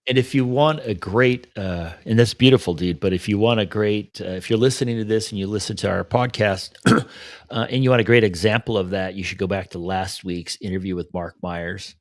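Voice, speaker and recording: A man's voice: on the low side, a little fast, no room sound. A man co-hosting a podcast in casual chat, reflective and affirming, often adding "right?". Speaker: podcast co-host.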